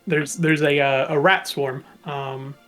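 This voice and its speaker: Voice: medium pitch, fairly even intonation, slow, fairly bright tone, faint music behind. A game master narrating a tabletop game, hesitant with many fillers.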